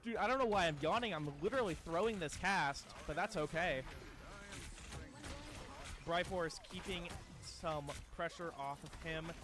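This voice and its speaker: A man's voice: on the high side, unhurried, music in the background. Laid-back, slangy esports caster guy. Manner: laid-back and chatty, calls people "bro" and "dude", trails off with fillers. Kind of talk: casual play-by-play game commentary.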